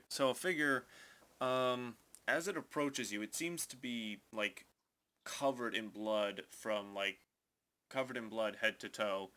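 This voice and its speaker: A man narrating as game master in a tabletop game, loose and halting with many fillers. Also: medium pitch, bright, forceful tone.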